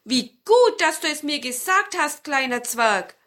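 A kindly, fussing old grandmother, as a woman storyteller puts her on, raised high and loud in earnest. Bright and lively, read aloud as a children's story. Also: unhurried, exaggerated voice.

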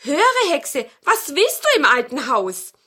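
A woman voicing a clever old grandmother from a fairy tale, slow, deliberate and questioning. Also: high-pitched, wildly swooping pitch, pushed and bright, voice pushed up, full character voice. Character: clever, careful old grandmother in her kitchen.

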